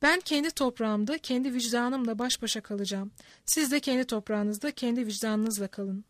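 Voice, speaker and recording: Woman voicing a stern old male elder, grave and measured; high pitch, dry close mic. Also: no room sound, lightly acted.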